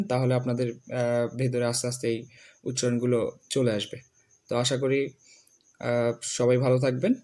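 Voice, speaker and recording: A man's voice: medium pitch, a little mellow. A man teaching an online English pronunciation lesson, repeating each word several times with many filler sounds.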